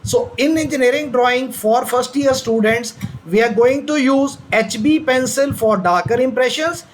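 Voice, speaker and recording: A man teaches an engineering drawing class. His voice sits very high for a man. He explains patiently, repeating key phrases and posing questions before answering them himself. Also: moderate pace. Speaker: engineering lecturer. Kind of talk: classroom lecture on drawing instruments.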